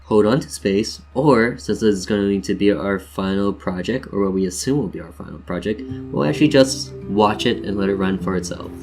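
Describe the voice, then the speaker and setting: Faint music plays behind this tutorial host, whose lowish, slightly mellow voice moves at normal speed with hardly any pauses. Playful and jokey, he chats with "you guys" while narrating each step on screen.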